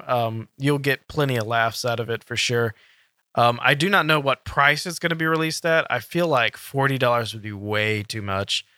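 A man hosting a casual gaming podcast, talking in a halting way with many "um" fillers. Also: medium pitch, sharp tone, smooth, dry recording, studio quality. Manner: filler-heavy, halting delivery with frequent "um". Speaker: podcast host.

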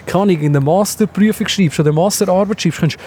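A man with a Swiss German accent hosting a casual podcast chat on a walk, talking quickly and acting out little quotes. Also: sits high, slight background noise. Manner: quick, lively, acts out quotes. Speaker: podcast host. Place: outdoors on a walk in town.

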